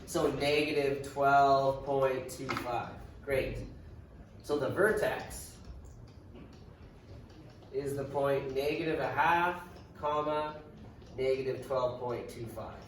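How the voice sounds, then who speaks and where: A man's voice: mid-range voice, fairly even intonation, takes it slowly, long pauses, distant mic. A man teaching a math class, thinking aloud as he works through problems, casual with dry sarcasm. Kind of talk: classroom lecture. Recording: echoey classroom from afar, hiss.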